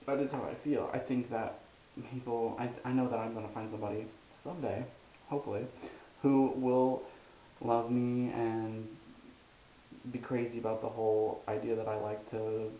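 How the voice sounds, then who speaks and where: A man's voice: medium pitch, flat delivery, moderate pace, dark tone. Hesitant young man, echoey room. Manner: rambling, hesitant, many ums and restarts. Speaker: vlogger. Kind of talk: casual personal vlog. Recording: roomy echo, faint hiss.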